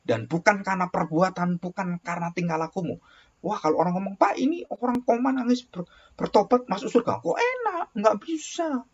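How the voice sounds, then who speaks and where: A husky, fairly high-voiced man preaching. He talks emphatically, jumping from sharp exclamations to quiet asides. The recording sounds dull and lo-fi. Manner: emphatic, swings from loud exclamations to low asides. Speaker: pastor. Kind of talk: sermon.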